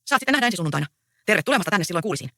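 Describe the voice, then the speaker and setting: Brief: a reader doing a mild older farmer smoothing a quarrel, bright and lively read. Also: mid-range voice, no echo, studio quality. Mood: placating. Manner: placating, mild. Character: older peasant farmer, placating host.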